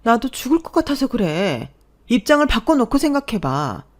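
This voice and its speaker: An angry young wife, voiced by a woman confronts her husband in a radio drama. She speaks sharply with a raised voice, and her pitch swings widely. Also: expressive, normal speed, a little mellow, close to an everyday voice. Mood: fed up. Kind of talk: Korean radio drama acting.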